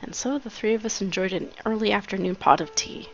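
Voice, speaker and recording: A woman's voice: mid-range voice, a little fast, a little hiss or hum, natural voice. A woman voicing a cheerful young schoolgirl heroine who narrates in a chatty, wry, playful way. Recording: dull lo-fi with game music.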